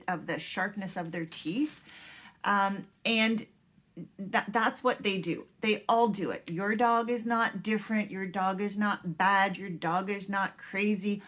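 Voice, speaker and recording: A woman's voice: medium pitch, a bit bright. A woman dog trainer talking casually to puppy owners, reassuring and repeating her points with filler words. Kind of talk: casual instructional talk.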